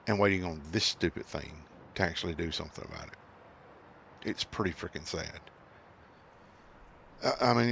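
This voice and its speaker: A middle-aged man with a very low, gravelly voice talks through a farming game in a loose, rambling way, full of fillers and restarts. He slides easily into exasperated rants. A faint hiss sits under his home desk-mic recording. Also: a bit bright. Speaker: gaming channel host. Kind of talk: casual gameplay commentary.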